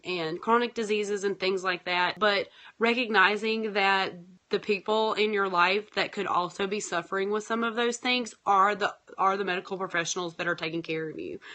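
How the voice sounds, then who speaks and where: Raspy sick woman host rambling on, lots of likes and ums, bright edgy voice. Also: mid-range voice. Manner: rambling, many fillers, talks through frustrations. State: hoarse from a sore throat and sinus infection. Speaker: pharmacist podcast host. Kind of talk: casual monologue.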